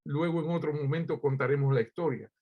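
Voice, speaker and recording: A man's voice: on the high side, fast talker, phone-quality sound. A man from Cuba preaching a sermon as pastor, addressing listeners directly with rhetorical questions and frequent hesitant fillers.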